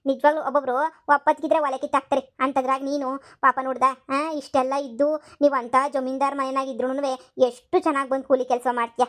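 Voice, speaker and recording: Woman playing a cartoon village laborer, high-pitched, fawning. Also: fairly quick, natural voice. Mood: admiring. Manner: flattering, chatty. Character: flattering village woman coworker.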